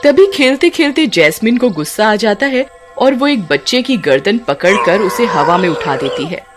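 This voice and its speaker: A woman's voice: mid-range voice, expressive, normal speed, soft background music. A woman narrating a scripted horror story with dramatic delivery, voicing the characters herself. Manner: dramatic, voices several characters.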